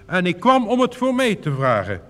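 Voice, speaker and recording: Earnest young frog in love for a storybook, man doing it, lively pitch, echoey hall. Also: moderate pace, exaggerated voice. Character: young lovestruck male frog. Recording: reverberant recording with faint hiss.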